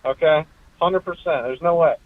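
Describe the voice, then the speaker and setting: A man's voice: on the high side, normal speed, dry recording. A man calling in from his car over a clipped phone line, chatting casually with strong opinions and plenty of fillers. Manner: opinionated, full of "like" and "you know". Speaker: caller. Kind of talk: casual call-in chat.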